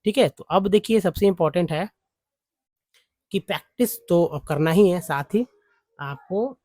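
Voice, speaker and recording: An English teacher with a high, darkish voice gives a spoken Hindi lesson on English vowel sounds, talking a little slowly. He teaches patiently and repetitively, using many fillers, and the audio has no echo.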